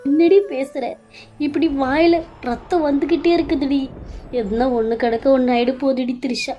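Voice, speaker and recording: A woman's voice: high voice, fairly even intonation, normal speed, mellow, muffled recording, faint music behind, lightly acted. A woman voicing a frantic mother who wails and pleads over her hurt daughter. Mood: pleading. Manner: wailing, pleading. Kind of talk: Tamil audio serial acting.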